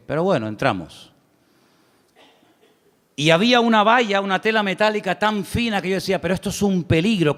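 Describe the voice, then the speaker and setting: A man preaching a sermon as pastor, telling a personal story and reading scripture aloud, calling the congregation brother and asking for amens. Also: high voice. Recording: long hall reverb.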